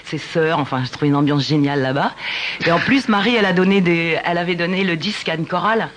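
A woman singer-songwriter telling stories in a casual radio interview, talking in an animated, halting way with many restarts. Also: lowish voice, a little hiss or hum.

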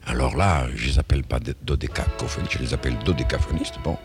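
A man's voice: extremely low pitch, fast, faint music behind. A man being interviewed as a musician, talking in a rambling, indignant way with many restarts and asides.

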